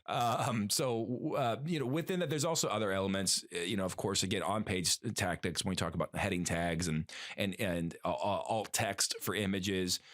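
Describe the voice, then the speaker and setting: A man's voice: deep voice, normal speed, few pauses, a bit bright. A man co-hosting a podcast in casual chat, rambling with many fillers and restarts. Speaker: podcast co-host.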